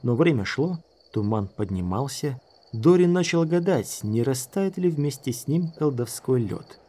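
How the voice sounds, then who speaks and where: A man narrating an audiobook in a measured storytelling manner. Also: medium pitch, animated, mellow.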